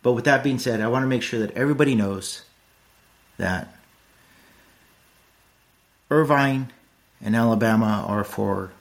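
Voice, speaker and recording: A man's voice: mid-range voice, a little slow, gravelly, long pauses. A middle-aged man hosting a podcast, talking in a blunt, rambling and earnest casual monologue. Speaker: podcast host.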